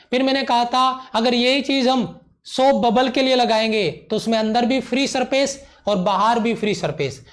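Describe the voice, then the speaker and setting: A man teaching physics in a live online lecture, emphatic, repeating key points, often checking whether students follow and showering them with praise. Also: very high voice.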